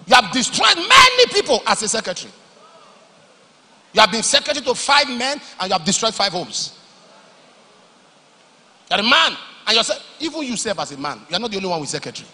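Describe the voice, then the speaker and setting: A man preaching a sermon, moving between loud emphatic declarations and low, confiding storytelling. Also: huge pitch swings, fairly quick, pauses often, husky. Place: large church hall. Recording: long hall reverb.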